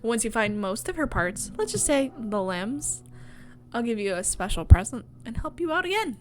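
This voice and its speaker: A woman voicing a mad, teasing female Hatter in a visual novel, with a drawn-out theatrical delivery. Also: a little high, sing-song, a little hiss or hum. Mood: playful, coaxing.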